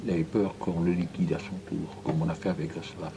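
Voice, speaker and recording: Low-voiced man on a hidden mic. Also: little pitch movement, a little fast, creaky. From Belgium. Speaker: interviewee, former political go-between. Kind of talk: informal conversation secretly recorded on a hidden mic. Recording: noisy hidden-camera mic recording.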